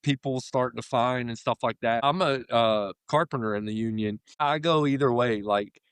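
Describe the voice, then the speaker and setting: A man's voice: mid-range voice, normal speed, a bit bright, clear, resonant tone, no room sound. A man in his thirties from Florida with an American accent, chatting casually and in a rambling way as an interview guest. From Florida, United States. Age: 30s. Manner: rambling, informal, conversational. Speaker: interview guest, union carpenter.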